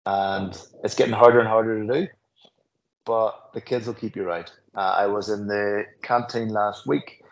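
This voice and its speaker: A middle-aged man from Northern Ireland, a school principal, talks in a reflective interview, telling anecdotes earnestly and often restarting his phrases. His voice sits on the low side with a steady tone at normal speed, and the recording sounds muffled.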